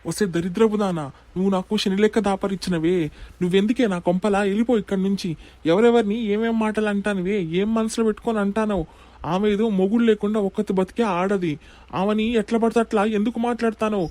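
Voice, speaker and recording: Man playing a quick-talking Telangana village husband, fairly high flat voice, cartoon, dry. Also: dry recording, natural voice. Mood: angry. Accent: Telangana Telugu. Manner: rapid scolding. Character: young village man, hot-tempered husband.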